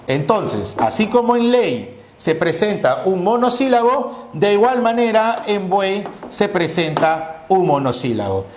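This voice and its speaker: A male teacher giving a grammar lesson, asking questions and answering them himself, spelling out syllables slowly. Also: sits high, darkish tone, echoey room.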